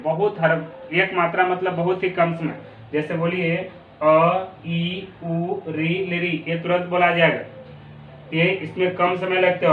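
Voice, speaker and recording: A man's voice: high-pitched, slight background noise. A male teacher with a Bihari Hindi accent explaining a lesson, repeating definitions and drawing out sounds. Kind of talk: classroom lesson. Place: classroom. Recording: echoey room, distant tinny phone-like mic.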